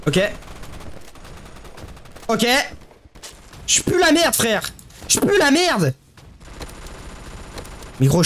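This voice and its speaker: Homme, commentaire de jeu vidéo, excité, voix très animée, coups de feu du jeu en fond léger. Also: male voice, high-pitched, slight background noise. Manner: excitable, slangy, yelling at the game. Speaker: gaming YouTuber. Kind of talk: casual gameplay commentary.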